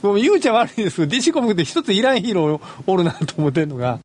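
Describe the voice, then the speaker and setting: Lively high-voiced Kansai man chatting. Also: husky. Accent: Kansai Japanese. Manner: chatty, animated, many quick backchannels. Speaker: podcast host. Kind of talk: casual film chat.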